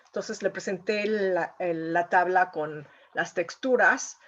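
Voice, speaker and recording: A Mexican painter, appearing as an interview guest, tells an emotional story in a conversational way, her speech full of "o sea" and "eh." Her voice is fairly low, slow, and a little bright, and the recording is lo-fi.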